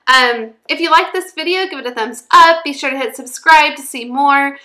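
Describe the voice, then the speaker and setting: An excited woman vlogger chats casually about planning. Her voice is bright and sits a little high. She sounds upbeat as host of her own craft series. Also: normal speed. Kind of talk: casual vlog chat, walking through craft planning.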